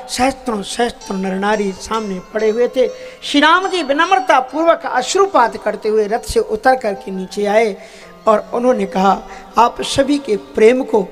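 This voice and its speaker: A man preaching as a katha storyteller, telling a devotional tale with pleading emotion that swells at moving moments. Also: high-pitched.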